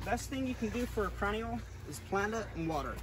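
Filmed handheld by a camera or phone held a few steps off, this young adult guide explains the large greenhouses and garden center yard in a casual tour. His voice sits high and sounds animated and fairly bright, moving at a quick pace, though the audio is poor and background noise comes through clearly.

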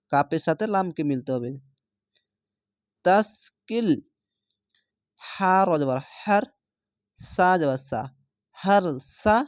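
A Quran reading teacher giving a slow, patient lesson, spelling out syllables one by one and then blending them into words. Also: mid-range voice, a little mellow, dry recording, studio quality. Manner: patient, repeats words slowly for learners.

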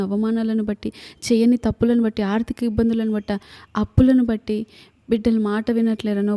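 A woman's voice: on the high side, dark tone. A woman with a Telugu accent, preaching an earnest sermon full of repeated lists and rhetorical questions.

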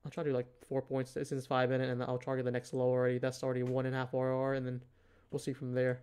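A man's voice: medium pitch, monotone, rapid-fire, darkish tone, clean tone. A man giving casual live trading commentary, thinking aloud in a hesitant way. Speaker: livestream host, futures trader.

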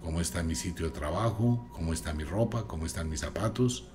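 A man giving an emphatic, preachy radio talk as host, moving between loud and hushed delivery. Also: sits low, brisk, soft background music. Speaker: radio host, magic teacher.

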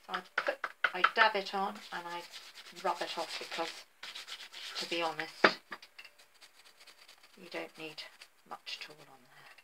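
A middle-aged woman, filmed on a phone, demonstrates painting garden ornaments at an indoor work table in a casual tutorial, musing aloud with lots of ums. She speaks in a lowish voice at a measured pace, pausing often, and the recording is very noisy.

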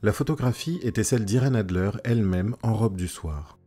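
A man narrating a classic story in a measured, steady reading. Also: lowish voice, slightly rough. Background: faint soft music.

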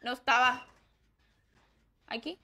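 A woman with a Mexican accent streaming a game live, excitable and swearing as she reacts to the play. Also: sits high, slow. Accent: Mexican Spanish. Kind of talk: live gameplay commentary.

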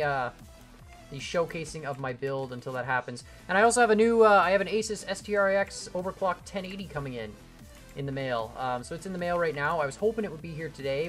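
This young streamer has a mid-range voice with a fairly bright tone. Broadcasting live from his home computer, he builds in a game and rambles casually, responding to viewers' questions.

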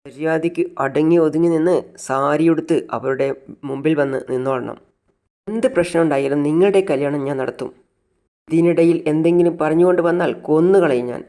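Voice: mid-range voice, fairly quick, mellow, lightly acted. A domineering Malayali mother lays down the law, scolding and threatening, voiced by a storyteller retelling a serial. She runs the household with a hard, bossy edge. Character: stern, domineering mother of the family.

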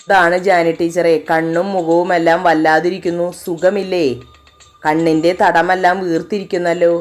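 A woman voicing a gentle young male teacher who asks with soft concern, in a spoken storybook. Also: lowish voice, flat delivery, moderate pace, faint music behind, natural voice.

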